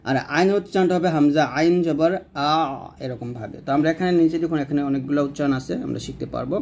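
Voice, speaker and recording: With a gravelly voice, a man teaches Quran reading, spelling out letters and vowel marks syllable by syllable in a slow, repetitive way. His sentences fade lower and quieter at the end, and there's slight background noise.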